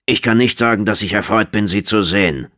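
A man voicing a gruff, impatient military commander who barks curt orders, raised above his own low voice. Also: fairly quick, a bit bright, close to an everyday voice.

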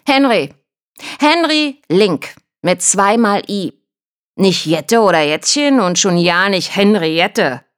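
A woman voicing an exuberant young blonde landlady who talks loudly and chirpily. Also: mid-range voice, big pitch swings, normal speed, hardly any pauses, voice pushed up. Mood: gushing. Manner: loud, chirpy, trumpeting.

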